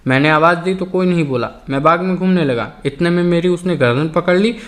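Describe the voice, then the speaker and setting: A man's voice: fairly high pitch, brisk, a bit bright, voice pushed up, lightly acted. A man voicing a brusque, hot-headed young man in an audiobook. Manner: brusque, firm.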